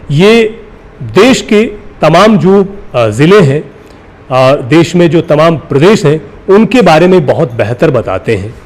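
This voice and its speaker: A man presenting a news feature, speaking in an earnest, admiring way with pauses and filler sounds. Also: a little high, a little mellow. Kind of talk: on-location news feature commentary.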